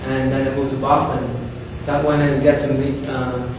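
A young man from Vietnam, a recent graduate introducing himself as a panelist in a brisk, even way. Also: mid-range voice. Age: young adult. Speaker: student panelist. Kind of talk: self-introduction. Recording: echoey hall from far off, noisy.

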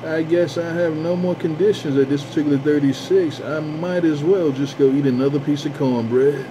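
A man with a fairly high voice talks over CB radio at normal speed in a steady tone. He repeats his call-outs and drawls his sign-offs, and the transmission comes across dull and lo-fi with static hiss.

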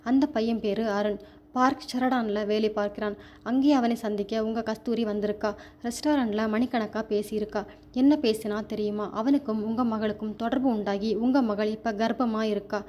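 A woman's voice: a little high, fairly even intonation, moderate pace, darkish tone, highs cut off, lightly acted. A woman voicing a smug, scheming young man in a storybook reading, cool and taunting. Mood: accusing.

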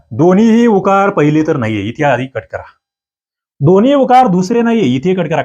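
A man teaching an exam-prep grammar lecture, lively and coaxing, asking students for answers. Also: a little high.

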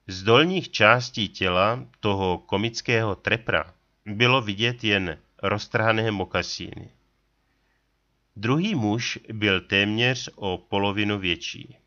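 A man reading an adventure story aloud in a steady, deliberate narrating style. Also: lowish voice, lo-fi sound. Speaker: audiobook reader.

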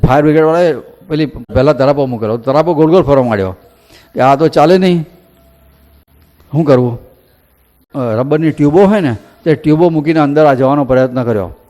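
A man telling a devotional story in a folksy, animated way, acting out the villagers' voices. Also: mid-range voice. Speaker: katha storyteller. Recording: echoey hall reverb.

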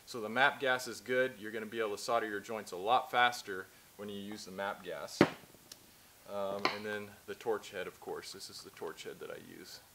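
A tradesman instructor in his thirties gives a casual, hands-on how-to demonstration in a large indoor workshop, explaining plainly as he works. His voice is fairly low with fairly even intonation and a moderate pace, caught on a close camera mic against a noisy background.

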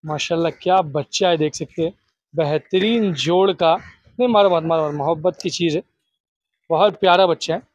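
A man hosting an outdoor goat sale, chatty and upbeat, echoing the seller's answers back in a steady patter. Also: a little high, normal speed, highs cut off. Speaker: host of a livestock sale video. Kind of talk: casual on-location interview.

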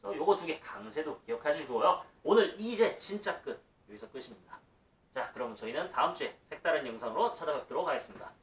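A man with a Korean accent teaches English in a loose, chatty way, dropping English example phrases into his talk. His fairly high voice swings up and down a great deal. He sounds a little off-mic in an echoey room. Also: animated, fairly quick, recorded from a distance. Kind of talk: casual video lesson.

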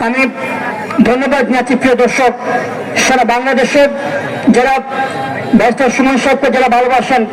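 A man giving live football commentary as one of the match commentators. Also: very high-pitched. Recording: echoey, with loud crowd noise. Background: stadium crowd.

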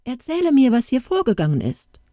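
A woman voicing a kind pastor's wife who speaks in a friendly, soft way. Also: high voice, wildly swooping pitch, fairly quick, no room sound, clean studio sound, pitched above the performer's own voice. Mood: gentle.

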